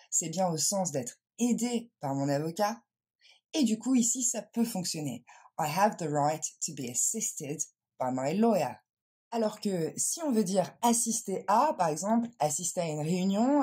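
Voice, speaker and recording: A woman gives a scripted English lesson, pausing to pronounce words deliberately. Her voice sits low and mellow, with a soft husky edge. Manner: clear, deliberate modeling of pronunciation. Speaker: English teacher.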